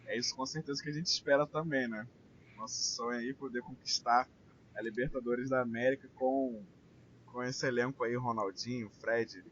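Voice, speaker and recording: A man hosting a casual football chat, reading listener messages in a relaxed, conversational way with frequent tag questions. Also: mid-range voice. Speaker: podcast host. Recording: dull lo-fi sound with faint hiss.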